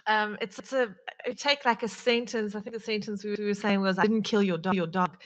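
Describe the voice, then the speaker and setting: A woman explaining an example during a church talk, measured and stressing words slowly. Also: mid-range voice, steady tone, fairly bright tone. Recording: dull lo-fi sound.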